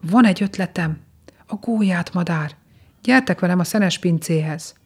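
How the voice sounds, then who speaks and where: An eager, brave young prince , read aloud by a woman, speaks in a hushed whisper. The voice is breathy and quiet, with a slightly low base. It is a storybook reading.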